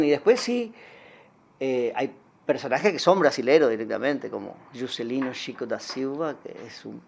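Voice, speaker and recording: A man's voice: mid-range voice, gravelly. A man with a Misiones Argentine accent, a puppeteer telling stories in a casual interview, acting out bits of dialogue and using plenty of fillers. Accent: Misiones Argentine Spanish. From Puerto Iguazú, Argentina. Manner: animated storytelling, acts out quoted dialogue, frequent fillers. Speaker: guest, puppeteer.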